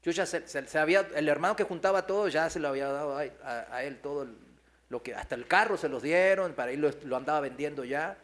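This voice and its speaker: A fast-talking pastor with a slightly high, fairly bright voice shares a testimony during a sermon in a church hall. Telling his story, he performs the quoted people's voices and keeps turning to the congregation with questions.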